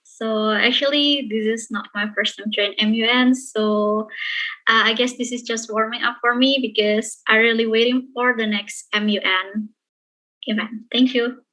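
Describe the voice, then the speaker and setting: A woman's voice: fairly high pitch, fairly even intonation, measured pace, bright, forceful tone, low-quality recording. A young woman from Indonesia, a student participant, a little flustered and unsure what to say.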